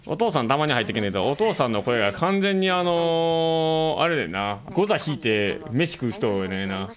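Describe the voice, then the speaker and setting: A man's voice: on the high side, big pitch swings, a little fast. A man with a Kansai accent chatting casually as a streamer, laughing and gushing as he reacts to a video.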